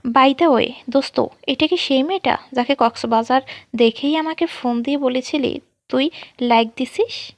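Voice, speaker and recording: A woman voicing a loud, excitable young woman friend who jokes and teases in rural dialect slang. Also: high-pitched, no room sound. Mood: curious. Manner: rapid joking rural-dialect banter.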